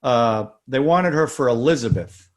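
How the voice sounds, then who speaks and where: A man's voice: medium pitch, lively intonation, moderate pace. A man casually telling behind-the-scenes stories about a film's casting. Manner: informative, anecdotal. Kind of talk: casual film trivia.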